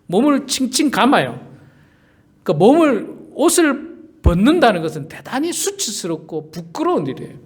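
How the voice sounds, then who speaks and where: A man's voice: extremely high pitch, very animated, normal speed, husky. Emphatic male pastor preaching. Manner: emphatic, repeats key words, rhetorical questions. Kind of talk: sermon.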